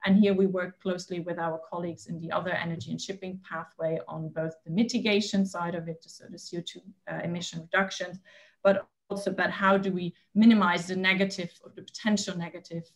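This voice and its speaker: A woman giving a conference presentation, talking in a hurried way with many fillers and restarts. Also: lowish voice. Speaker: panel presenter.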